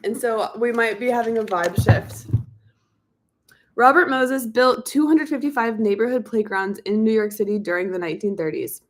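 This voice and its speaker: A woman with a fairly high voice reads a history book aloud in a plain, unhurried way. Now and then she trips over a word and says it again, and she sometimes breaks off for loose, chatty side remarks. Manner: reads steadily, now and then slipping and repeating words. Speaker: reader of a book. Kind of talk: reading a nonfiction book aloud with casual asides.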